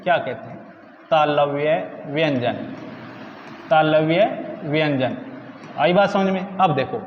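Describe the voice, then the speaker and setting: A man's voice: high voice, reverberant, in a large hall, lo-fi sound, slight background noise. A man teaching Hindi grammar for exam prep, asking his own questions and answering them himself.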